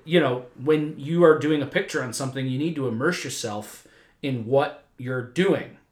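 A man's voice: medium pitch, moderate pace. A man in his thirties co-hosting a podcast, chatting casually and animatedly, swearing freely and laughing often. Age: 30s. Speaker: podcast co-host. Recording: roomy echo.

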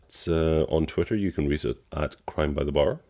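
A man's voice: a bass voice, normal speed, mellow. A man co-hosting a podcast in casual chat, playful and joking, recorded at home. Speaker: podcast co-host. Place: home in the Netherlands.

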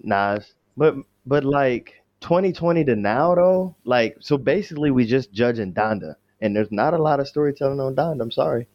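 A man's voice: medium pitch, expressive, normal speed, few pauses, muffled recording. A man on a podcast panel, laid-back, giving short answers and brief pushback. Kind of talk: casual podcast discussion.

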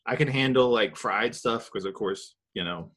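A man's voice: medium pitch, moderate pace, fairly bright tone, slightly rough. A man from the American South hosting a podcast, talking in a rambling, easygoing way with many fillers. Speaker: podcast host. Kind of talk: casual podcast chat.

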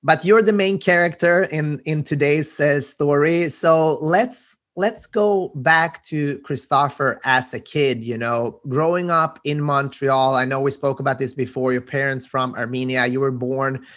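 A friendly man hosts a casual interview in a somewhat higher voice. He asks curious questions, halting and restarting as he goes, with the odd chuckle. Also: a bit bright. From Sweden. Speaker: podcast host.

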